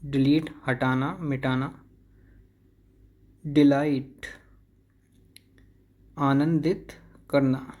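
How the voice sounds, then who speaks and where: A man's voice: mid-range voice, little pitch movement, very slow, pauses often, darkish tone. A man teaching an English vocabulary lesson, repeating each word several times to drill the pronunciation.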